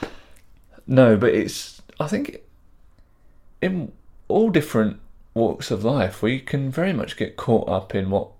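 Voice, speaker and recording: Relaxed guy cohosting a chat podcast, mid-pitched voice, jokey and self-mocking. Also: a little slow. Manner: chatty, laughs easily, self-deprecating. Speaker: podcast co-host. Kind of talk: casual chat.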